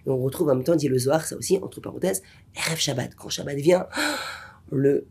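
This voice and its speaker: A man teaching a Torah lesson as a rabbi, an animated storyteller who drops to whispers and rises to exclamations. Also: a little high, fairly quick, creaky, breathy edge.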